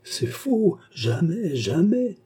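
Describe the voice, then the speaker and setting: Guy voicing a scared young courtesan, crying out and pleading, husky low voice. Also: very animated, moderate pace, warm tone. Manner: pleading, breaking into cries. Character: young woman, a frightened courtesan.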